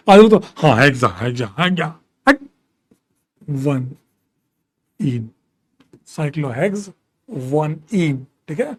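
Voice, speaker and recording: A man with a high voice teaches a live online chemistry class, counting atom numbers aloud and mixing English terms into his talk. He reads out student questions and answers them, teasing and jokingly scolding the class. His pitch sits well above most men's. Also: very animated, takes it slowly, pauses often, slightly rough.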